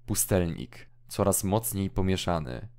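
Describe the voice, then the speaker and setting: A deep-voiced male audiobook narrator who reads stage directions. He keeps a slow and measured pace, and his delivery stays even throughout.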